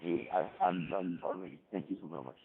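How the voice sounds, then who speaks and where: A very low, gravelly man comes through a tinny radio link, his words wrapped in faint static and background noise. He talks in a halting, unsure way, restarting his sentences as he checks in to the net. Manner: hesitant, halting, many restarts. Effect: radio transmission with static and background noise.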